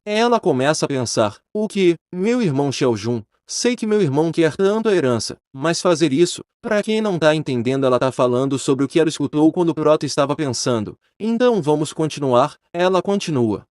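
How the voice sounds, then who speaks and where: A man narrates a manhwa recap in a casual, slangy way and breaks off to comment on the plot. His voice sits a little high and swings widely. The recording is dry, with no room sound. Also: a little fast, hardly any pauses, no echo. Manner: lively, pitches up for characters' lines.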